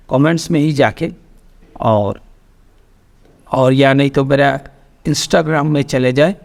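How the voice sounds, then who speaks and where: High-voiced Indian man teaching slowly. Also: creaky. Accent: Indian English. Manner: explains slowly, repeats words, animated rises in pitch. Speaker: English teacher. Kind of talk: Hindi-English spoken English class.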